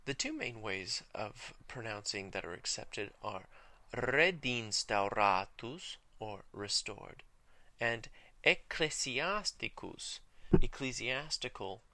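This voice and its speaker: A man giving a video lesson on Latin, speaking in a measured, careful way and slowing down to spell out Latin words. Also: fairly low pitch, sing-song, sharp tone, no echo. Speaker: Latin teacher.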